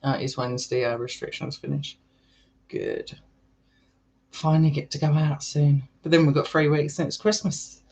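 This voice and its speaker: A man's voice: fairly high pitch, expressive, moderate pace, creaky, darkish tone, slightly rough, low-quality recording. A young English man with an English accent, a vlogger chatting casually with viewers in a rambling way and laughing often. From England. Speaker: urban exploring vlogger. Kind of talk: casual live chat with viewers.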